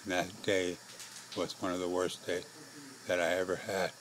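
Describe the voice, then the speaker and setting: Frail, breathless American man, low monotone. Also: background noise. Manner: halting, short phrases with pauses. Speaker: patient telling own life story. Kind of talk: personal testimony to camera.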